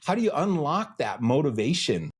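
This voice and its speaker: A middle-aged American man, appearing as a guest on an interview podcast, works as a freelance educator. His voice is fairly high with large pitch swings, a moderate pace, and a breathy edge. In this conversational interview he sounds earnest and reflective, often questioning himself.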